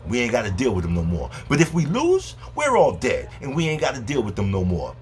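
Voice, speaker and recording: A man's voice: mid-range voice, wildly swooping pitch, fairly quick, a little hiss or hum. A man delivering a heated, profane monologue to camera as a video host. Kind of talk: angry ranting monologue.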